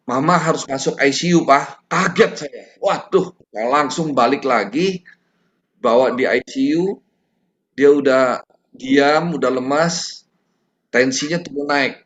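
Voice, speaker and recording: A middle-aged man giving a personal testimony at a prayer meeting, talking in a halting, conversational way with many fillers and restarts. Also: mid-range voice, a bit bright, slight background noise. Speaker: testimony giver.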